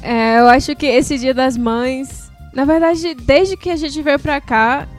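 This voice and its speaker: Brazilian woman, podcast co-host, chatty and a bit high-voiced, reads listener stories. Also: takes it slowly, faint music behind. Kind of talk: casual chat, reading a listener's story.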